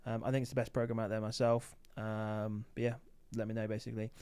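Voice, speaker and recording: A man's voice: lowish voice, completely flat delivery, quick pace, darkish tone, clean tone. A man hosting a late-night livestream, chatting casually and thinking aloud with many fillers, sounding tired. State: tired, sleepy. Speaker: livestream host, Amazon seller.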